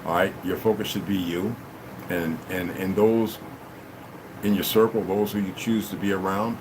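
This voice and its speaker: A man whose voice sits low speaks at a moderate pace, hosting a livestream from a room at home. He rambles casually, thanks donors, and regularly asks "you know what I mean," with a steady air-conditioner hum in the background.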